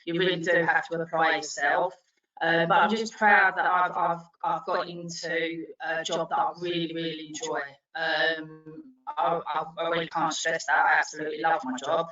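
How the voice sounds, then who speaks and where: A woman's voice: sits low, flat delivery, normal speed, pushed and bright. A Welsh-born woman working as a train driving instructor, answering interview questions with many ums and restarts. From Wales. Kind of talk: interview answers on a video call. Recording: dull lo-fi audio, echoey, distant from mic.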